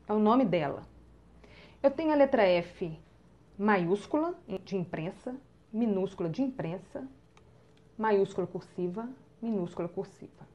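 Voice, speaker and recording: A woman with a Brazilian Portuguese accent teaching children to read, sounding out syllables slowly and clearly. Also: mid-range voice, mellow. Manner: slow, drawn-out sounding of syllables to the viewer. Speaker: literacy teacher. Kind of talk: children's phonics lesson.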